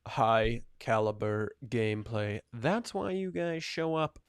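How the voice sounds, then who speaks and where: A young man putting on a slow, loud, stiff robot announcer voice. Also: medium pitch, animated, clear, resonant tone, dry recording, studio quality. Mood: mock-proud.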